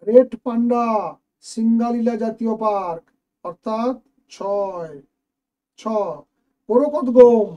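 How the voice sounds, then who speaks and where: A man teaching, with a high voice and a dark, mellow tone. He goes through exam questions one at a time and talks straight to his students as he explains each answer. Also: slow, pauses often. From West Bengal, India. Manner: explains step by step, addressing students directly. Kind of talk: exam question walkthrough lesson.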